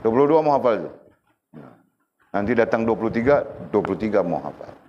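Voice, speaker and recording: A man's voice: on the low side, animated, a little fast, muffled recording. Stern man teaching a religious class. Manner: stern, prodding students to recite.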